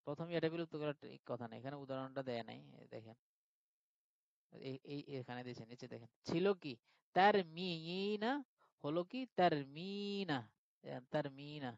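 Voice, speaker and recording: A man's voice: mid-range voice, brisk, creaky, darkish tone, no room sound, lo-fi sound. A male teacher giving a live online grammar lesson. He explains patiently step by step and often checks in with his students. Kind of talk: live online class lecture.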